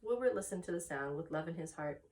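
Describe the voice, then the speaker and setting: A woman's voice: fairly low pitch, expressive, fast talker, darkish tone, far from the mic. A woman reading a children's story aloud with expression as a story time narrator.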